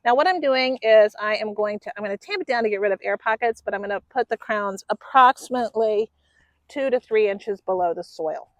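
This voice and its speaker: A woman hosting a gardening video outdoors, explaining her planting in a relaxed, chatty way. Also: medium pitch, fairly quick, no room sound. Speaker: gardening channel host. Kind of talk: casual how-to gardening talk. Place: outdoors in a garden bed in a grassy field.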